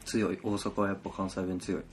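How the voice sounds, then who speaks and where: A man's voice: sits low, little pitch movement, fairly quick, faint music behind. A man from Hyogo with a Kansai accent, chatting casually on a podcast and explaining things in an easygoing way. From Hyogo, Japan. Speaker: podcast co-host. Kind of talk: casual chat.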